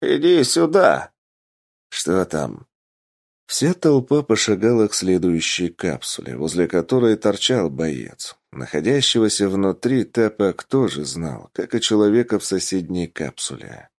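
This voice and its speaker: A man narrating an audiobook with expressive storytelling. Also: sits low, moderate pace, hardly any pauses.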